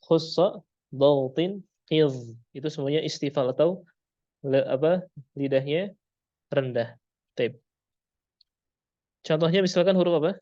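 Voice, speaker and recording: A man's voice: on the high side, unhurried, long pauses, warm tone, no echo, dull audio. A man with an Indonesian accent teaching Quran pronunciation, patiently repeating sounds and quizzing his class.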